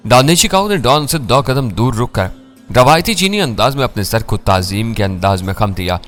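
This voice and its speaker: A man reading a first-person thriller story in a measured, dramatic way. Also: mid-range voice, lively intonation, fairly bright tone, soft background music.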